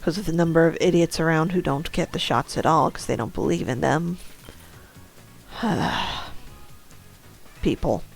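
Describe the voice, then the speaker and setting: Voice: mid-range voice, measured pace, creaky, long pauses, soft background music. A streamer giving casual commentary over a board game, talking to themselves with muttered asides. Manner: talks to self about the game, muttered asides.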